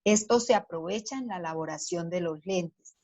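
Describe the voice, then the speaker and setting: A woman's voice: lowish voice, normal speed, darkish tone. A woman teacher giving a science lesson to children, explaining patiently step by step and asking the class questions as she goes. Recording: dull lo-fi sound.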